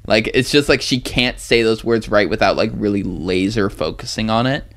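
A man's voice: fairly low pitch, moderate pace, a bit bright. A young man co-hosting a podcast in casual chat, blunt and profane, laughing often. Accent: Pacific Northwest. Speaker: podcast co-host.

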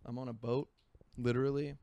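A man's voice: medium pitch, level tone, a little fast, creaky, warm tone, no echo, muffled recording. A man in his twenties from Florida, hosting a solo podcast in rambling, self-mocking casual chat from his home by a marina. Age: 20s. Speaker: podcast host.

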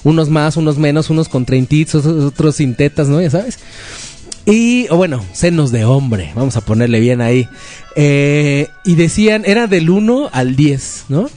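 Mexican man, 30s, podcast host, slightly higher voice, joking banter over faint music. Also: lively intonation, normal speed, warm tone. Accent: Mexican Spanish. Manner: joking, chatty slang-filled banter. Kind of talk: casual chat.

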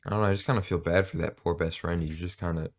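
Low-voiced man rambling on a podcast. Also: steady tone, fast. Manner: rambling, hesitant, jokey. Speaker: podcast co-host. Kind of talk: casual chat.

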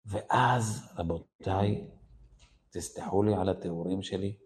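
A rabbi teaching a lesson to a live audience, telling a story and acting out scenes in different voices. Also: male voice, low voice, a little mellow, a little hiss or hum.

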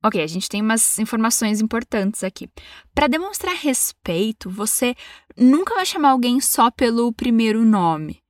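A Brazilian woman teaching English, saying model phrases slowly for learners to repeat and cheering them on with patience. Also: fairly high pitch, sing-song, no echo, studio quality. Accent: Brazilian Portuguese. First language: Portuguese. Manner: encouraging and patient. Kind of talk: bilingual English lesson with repetition drills.

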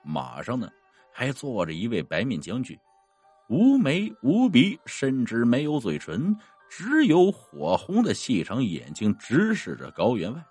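A man's voice: mid-range voice, a little slow, breathy edge, no room sound, faint music behind. A man telling a ghost story in a vivid, dramatic storytelling style. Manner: vivid and animated.

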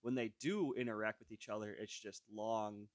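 A man's voice: on the low side, steady tone, normal speed, no echo. A man co-hosting a podcast, recapping a film in casual chat with many "like"s and stalls. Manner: recapping a film, filled with "like" and hesitations. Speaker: podcast co-host.

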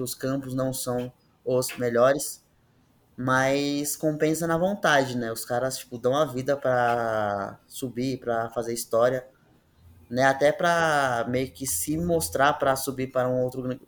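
A man speaks in a Brazilian Portuguese accent at a middling pitch. He hosts a casual football discussion. His talk is informal and slangy, like a chat among friends. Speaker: football podcast host.

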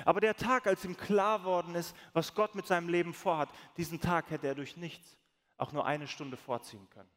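A man preaching as a pastor, telling stories with lively acted-out quotes. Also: fairly high pitch, a little fast. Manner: storytelling, animated, acts out quoted voices. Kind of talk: sermon. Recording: long reverb of a large hall.

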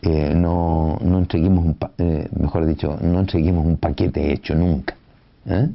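A man giving an unhurried classroom lecture on education, often pausing with "eh" and tag questions. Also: deep voice, fairly even intonation, gravelly. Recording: dull lo-fi recording.

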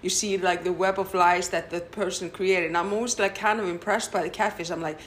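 A woman's voice: lowish voice, fairly even intonation, fairly quick, slight background noise. A woman co-hosting a podcast in casual chat, telling stories with many restarts and asides. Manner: chatty, storytelling with many restarts. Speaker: podcast co-host.

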